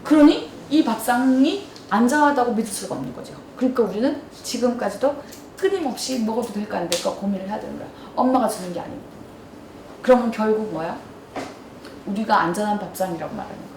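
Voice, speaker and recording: A woman lecturer telling everyday stories and asking her audience questions in a lively talk. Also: a little high, fast talker, background noise. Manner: storytelling, asks the audience questions. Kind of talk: lively lecture with acted dialogue. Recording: roomy hall from far off.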